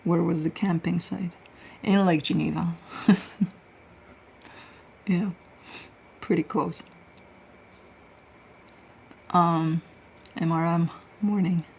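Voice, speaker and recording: A tarot reader whose first language is Romanian chats casually on a livestream, telling stories and answering viewer questions. Her voice is on the low side, gravelly and darkish, steady in tone and slow, with frequent pauses and a little hiss or hum.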